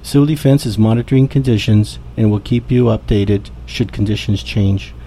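A man reading a public emergency advisory as a civil defense announcer, in a formal, measured way. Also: fairly low pitch, dark tone. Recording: muffled with faint background noise.

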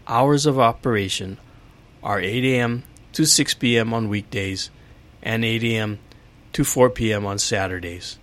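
A man reading a public safety bulletin as a civil defense announcer, with a measured, formal official delivery. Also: lowish voice.

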